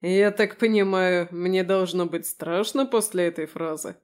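A calm, curt werewolf man with a dry wit, read by a woman in an audiobook. He answers flatly, in clipped, unbothered phrases. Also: lowish voice, unhurried, natural voice. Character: calm dry-witted male werewolf in human form. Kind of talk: audiobook character voice.

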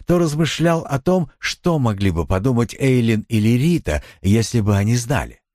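A man reading a novel aloud as an audiobook narrator, in a measured, expressive storytelling manner. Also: mid-range voice, no room sound, studio quality.

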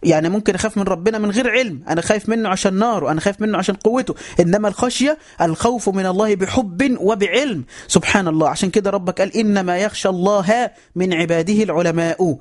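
Fast, high-voiced Egyptian preacher. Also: male voice. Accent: Egyptian Arabic. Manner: emphatic, repeats phrases, keeps telling listeners to pay attention. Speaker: Islamic teacher. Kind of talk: religious lesson on a voice chat app.

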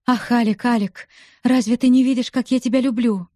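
A woman's voice: fairly high pitch, steady tone, moderate pace, warm tone, dry recording, studio quality, natural voice. A woman reading an earnest young woman in love. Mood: earnest, pleading.

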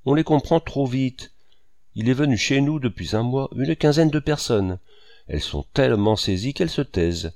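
A man's voice: medium pitch, animated, normal speed, darkish tone, dry recording, studio quality, voice pushed up, close to an everyday voice. A man voicing a boastful, exuberant male painter who talks grandly and at length. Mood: grandiloquent. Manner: grandiose, voluble.

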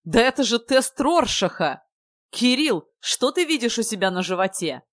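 A woman's voice: medium pitch, big pitch swings, normal speed, lightly acted. Woman doing a pompous know-it-all youth. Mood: teasing. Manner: mockingly serious, lecturing. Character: pompous mock-serious young man, know-it-all.

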